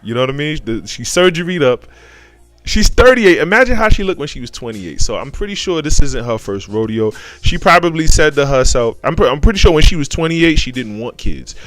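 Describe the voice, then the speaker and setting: A man's voice: fairly high pitch, big pitch swings, fairly quick, fairly bright tone, no echo, soft background music. An American man gives casual, opinionated commentary as a show host. His talk is slangy, and he circles back to repeat phrases until they land.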